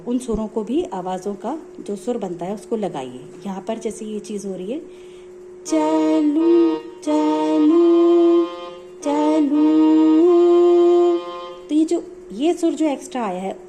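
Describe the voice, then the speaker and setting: A woman music teacher explaining notes step by step in a patient, repetitive way. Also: mid-range voice. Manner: patient, explanatory, repeats points.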